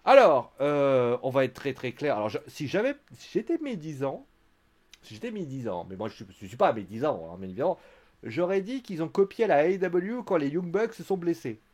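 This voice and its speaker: A man's voice: on the high side, sing-song, a little fast, darkish tone. A man giving a casual live-stream recap of a wrestling show, chatty and joking, with theatrical asides to his viewers.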